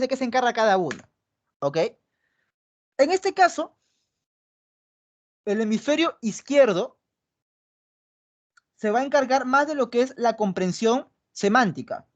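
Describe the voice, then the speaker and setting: A woman's voice: fairly high pitch, very animated, moderate pace, long pauses. A woman with a Peruvian Spanish accent teaching a pre-university psychology class online, explaining step by step and checking in with her students after nearly every point. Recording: dull lo-fi online class audio.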